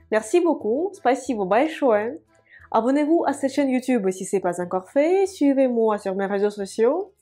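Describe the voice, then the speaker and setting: A woman teaching an online language lesson, spelling words letter by letter and saying example words slowly and carefully. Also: on the high side, mellow. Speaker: Russian teacher. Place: room with whiteboard.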